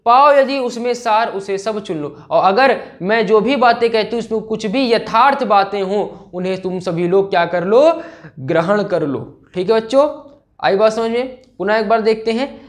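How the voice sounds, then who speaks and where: Male teacher explaining verse to students. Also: sits high. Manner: explains line by line, often checks with students, recites verses slowly. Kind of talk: classroom lesson explaining a poem.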